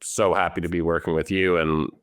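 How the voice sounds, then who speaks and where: A man's voice: low voice, flat delivery, fairly quick, clear, resonant tone, no echo, clean studio sound. A man hosting a podcast, upbeat and enthusiastic while interviewing a guest. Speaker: podcast host.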